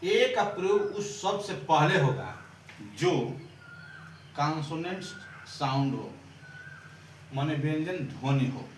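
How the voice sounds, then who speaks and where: A man's voice: a little high, expressive, takes it slowly, long pauses, a little hiss or hum. A male teacher, explaining grammar to a class, repeating and quizzing as he writes. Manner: repeats and quizzes the class, writing while talking. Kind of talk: blackboard grammar lesson. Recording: roomy echo, far from mic, faint ambience.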